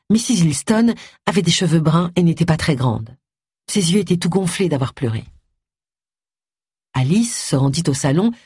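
A woman narrating an audiobook in a calm, measured reading voice. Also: lowish voice, husky, no echo, clean studio sound. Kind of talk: scripted narration.

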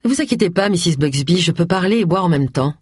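A reader voicing Agatha, a sharp-tongued, complaining middle-aged woman. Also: mid-range voice, animated, fast talker, breathy edge, no echo, studio quality. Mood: tart. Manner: tart and complaining.

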